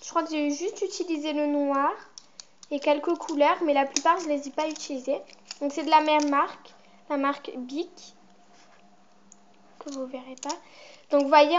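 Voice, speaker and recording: Chatty teenage girl, high voice, lo-fi. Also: slight background noise. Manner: chatty, rambling, with many fillers. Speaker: vlogger. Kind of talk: casual show-and-tell vlog. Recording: muffled lo-fi home recording.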